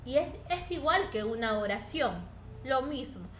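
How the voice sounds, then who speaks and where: Slow, clear-spoken woman teacher. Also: high voice, sing-song, a bit bright, faint music behind. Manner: slow, clear, instructive, addresses students directly. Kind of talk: recorded reading lesson. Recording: echoey room with faint ambient noise.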